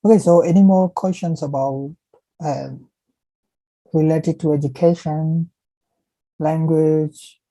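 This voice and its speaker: Slow and halting, often restarting, this young Pakistani guest, an Urdu native speaker, fields viewer questions in a relaxed Q&A. His very dark voice sits on the high side and stays steady; the recording has no room sound and poor quality.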